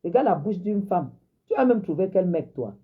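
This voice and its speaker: A woman with a husky, breathy voice hits back at someone in a heated live-stream rant. She mocks her target and repeats her points again and again. Her voice comes through a tinny phone line. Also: lowish voice, animated, moderate pace. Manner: confrontational, mocking, repeats herself. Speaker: social media personality.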